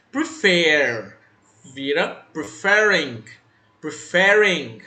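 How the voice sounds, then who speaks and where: Young male teacher, high and sing-song, patient step-by-step explainer, roomy echo. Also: sharp tone. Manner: patient, repeats and spells out rules step by step. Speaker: English teacher. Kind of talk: online class lesson for children.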